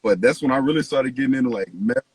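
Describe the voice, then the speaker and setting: A man hosting a podcast in a casual, slangy, profanity-laced chat, with a husky voice. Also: mid-range voice, racing, no echo. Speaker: podcast host, interviewer.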